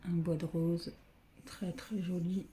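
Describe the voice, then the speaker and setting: A woman filming on her phone at home, talking softly and often half-whispering, hesitant and repeating herself as she names colors. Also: lowish voice, flat delivery, slow. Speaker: craft vlogger showing thread colors. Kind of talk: casual show-and-tell. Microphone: phone camera.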